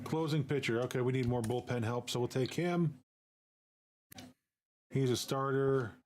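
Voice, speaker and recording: A man streaming a baseball game, thinking out loud as he picks stadiums and players. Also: mid-range voice, a little slow, slight background noise. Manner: musing aloud while picking players. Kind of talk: casual game commentary.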